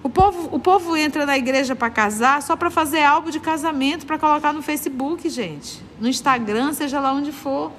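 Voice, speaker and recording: Woman, Manaus Brazilian accent, high voice, earnest moral lecture, long reverb with faint noise. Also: normal speed, hardly any pauses. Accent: Brazilian Portuguese, Manaus. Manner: earnest, moralizing, repeats points for emphasis. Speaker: study group leader. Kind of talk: spiritist study lecture.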